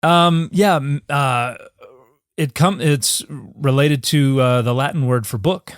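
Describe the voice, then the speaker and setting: A man co-hosting a podcast who explains things casually, slowing down on key points and chuckling often. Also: medium pitch, no room sound, studio quality. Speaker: podcast co-host, biblical scholar. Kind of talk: casual conversational podcast chat.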